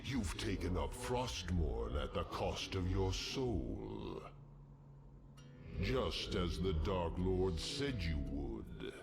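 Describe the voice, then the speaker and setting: A menacing demon dark lord in a video game, with a very low, gravelly voice. He taunts slowly and sinisterly, his pitch swooping dramatically over music. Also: sing-song, full character voice. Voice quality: deep, gravelly. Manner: dark lord villain, slow taunting delivery. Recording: loud game music behind.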